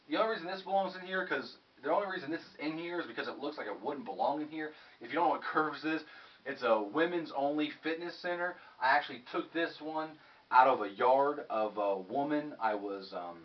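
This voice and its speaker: A young man with a fairly high voice gives a casual tour of his game room and rambles from one item to the next. He slips in jokes with mock-serious asides. He is picked up from a distance by a camera held by someone filming, and the sound is muffled. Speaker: YouTube vlogger.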